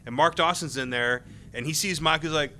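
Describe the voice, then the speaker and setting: Bright-voiced man telling panel stories. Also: fairly high pitch, fairly quick, a little hiss or hum. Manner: rambling anecdotes with many fillers. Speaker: former game tester, panelist. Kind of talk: casual panel storytelling. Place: convention panel room.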